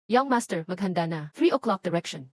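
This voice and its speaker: A woman's voice: lowish voice, lively intonation, fairly quick. Lady dubbing a short drama, does all the parts the same way, no room echo at all. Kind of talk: dubbed short drama dialogue.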